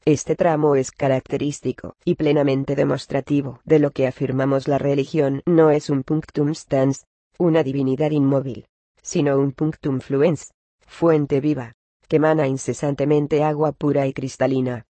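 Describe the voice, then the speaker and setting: Flat, mellow-voiced man reading scripture. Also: mid-range voice, moderate pace, no echo. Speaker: reader of a religious text. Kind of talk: read-aloud religious commentary.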